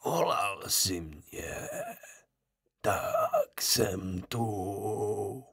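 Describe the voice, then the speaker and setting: A man's voice: on the low side, sing-song, creaky, a bit bright, slightly rough, dry recording, studio quality, heavily acted. A whispering dead father's ghost. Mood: eerie, ghostly. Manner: slow eerie whisper, faint and drawn out. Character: ghost of a dead male woodcutter father, cold. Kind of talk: audiobook character voicing.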